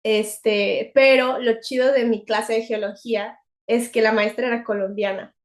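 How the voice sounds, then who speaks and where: Young woman, Mexican accent, casual podcast chat, laughs a lot, somewhat high pitch. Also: unhurried. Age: young adult. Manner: chatty, laughs often, animated storytelling. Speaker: podcast co-host.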